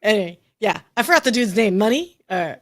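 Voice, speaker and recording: A woman's voice: medium pitch, animated, brisk, a bit bright. Chatty woman podcast co-host. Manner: chatty storyteller with frequent restarts. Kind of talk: casual chat.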